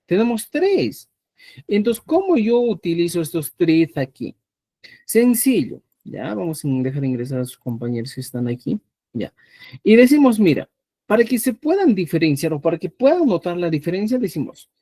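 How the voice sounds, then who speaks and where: A man from Peru teaching a live online language class, patiently repeating words slowly so students can hear the pronunciation. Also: on the high side, mellow, dry recording. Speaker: Quechua teacher.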